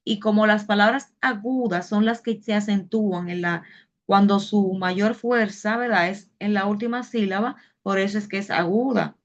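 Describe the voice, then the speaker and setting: A woman teacher talking a class through a lesson with patience, going step by step and stopping to quiz her students. Her voice sits at an ordinary middle pitch. The sound is a little dull and lo-fi, as on a video call. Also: normal speed. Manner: patient, explains step by step with questions. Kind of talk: online Spanish class.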